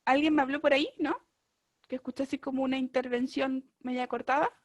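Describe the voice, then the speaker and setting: High-voiced woman teaching online. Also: steady tone, no echo. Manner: encouraging, drills words slowly with frequent checks. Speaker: English teacher. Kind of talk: online language class. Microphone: video call.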